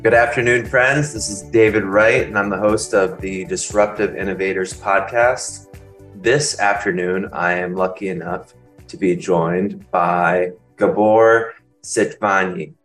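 A man's voice: deep voice, fairly even intonation, a little slow, a bit bright, faint music behind. A man hosting a podcast, reading a polished, upbeat introduction and then leading an interview. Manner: polished, upbeat broadcaster delivery. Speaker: podcast host.

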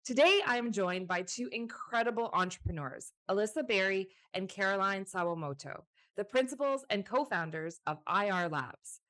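A woman's voice: medium pitch, lively intonation, normal speed, few pauses, a bit bright. Upbeat woman hosting a podcast. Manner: upbeat, enthusiastic introductions. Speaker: podcast host.

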